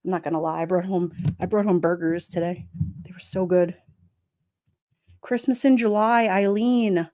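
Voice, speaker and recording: A middle-aged woman with a New York accent, casually chatting on a livestream, sassy and quick to laugh. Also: fairly low pitch, fairly even intonation, mellow. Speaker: livestream host reading chat. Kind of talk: casual chat.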